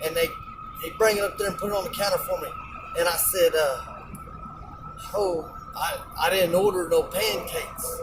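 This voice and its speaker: A man's voice: sits high, recorded from a distance, background noise. A man, a truck driver, telling a rambling, colloquial story in a casual rant, often repeating words and restarting sentences.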